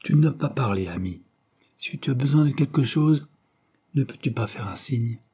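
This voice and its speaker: A man voicing a grave older Quaker woman in an audiobook, speaking quietly and plainly. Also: mid-range voice, animated, moderate pace, husky, pitched above the performer's own voice.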